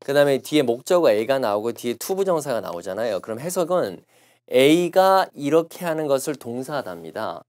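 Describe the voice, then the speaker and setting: A male lecturer teaching English test strategy in a recorded class. His pitch swings up and down a lot as he explains. He keeps to a middle register and patiently repeats phrases slowly to model pronunciation. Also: very animated, darkish tone.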